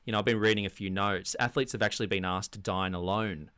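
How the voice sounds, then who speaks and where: Deadpan Australian man, lowish voice. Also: fast, clear, resonant tone, no room sound, clean studio sound. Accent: broad Australian. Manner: deadpan mock-serious. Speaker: comedy podcast co-host. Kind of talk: casual satirical banter about sports news.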